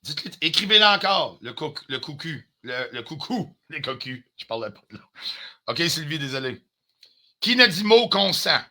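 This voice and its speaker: A man's voice: fairly high pitch, big pitch swings, moderate pace, pushed and bright. Heated Quebec French man ranting live. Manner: confrontational, heated, swears often, drops in English phrases. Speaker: livestreamer.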